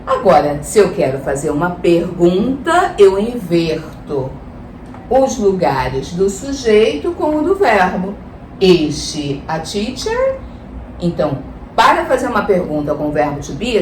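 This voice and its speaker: A woman teaching a lesson with a lively, up-and-down voice, patiently repeating examples and checking in with her listeners. She sounds a little distant from the mic in an echoey room, with faint ambience underneath. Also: mid-range voice, a little hiss or hum. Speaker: English teacher. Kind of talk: language lesson.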